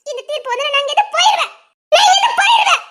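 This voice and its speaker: A woman acting out a wounded young wife in a homemade drama, tearful but defiant. Her voice is very high and bright, with a Tirunelveli Tamil accent. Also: lively intonation, brisk. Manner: tearful and defiant, keeps telling him to go. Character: hurt, proud young wife pushing husband away.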